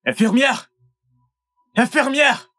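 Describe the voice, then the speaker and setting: An actor dubbing a calm, caring young man who reassures a panicked mother. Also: extremely high pitch, slow pace, soft background music, heavily acted. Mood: reassuring. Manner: reassuring, steady. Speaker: suitor called by the mother. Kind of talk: dubbed film acting.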